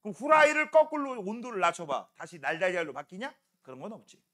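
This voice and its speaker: A man teaching a middle-school science lesson, animated and joking, constantly checking that his students follow. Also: sits high, quick pace. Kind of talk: classroom science lecture.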